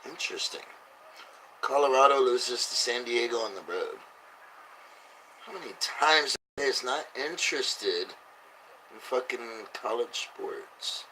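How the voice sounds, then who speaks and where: A man's voice: mid-range voice, animated, takes it slowly, pauses often, pushed and bright, slight background noise, poor audio. A man who sounds drunk, rambling through casual, blunt, sweary commentary as he reads out headlines. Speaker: host reading and reacting to news.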